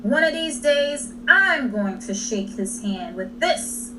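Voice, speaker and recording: A dark, scheming storybook pirate captain, acted out by a woman reader, vengeful and menacing. He speaks slowly and deliberately. The sound is distant from the mic with clear noise. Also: high-pitched, animated, pitched above the performer's own voice. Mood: grim, dreading.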